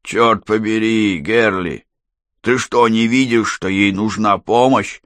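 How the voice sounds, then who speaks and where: A man voicing a thin, scruffy drunk man who talks with slow, slurred bluster in an audiobook. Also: fairly low pitch, a bit bright, no room sound, clean studio sound, voice pushed up. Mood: indignant.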